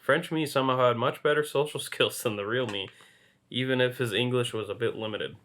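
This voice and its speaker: A man's voice: mid-range voice, fairly quick, a bit bright. A man co-hosting a podcast, reading a story aloud and laughing now and then as he reads. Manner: amused, laughs while reading. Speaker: podcast co-host.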